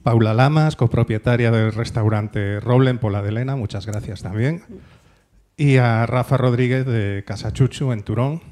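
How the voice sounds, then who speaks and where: A man moderating a round-table discussion, introducing the guests in a measured way with small hesitations. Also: medium pitch, a little mellow.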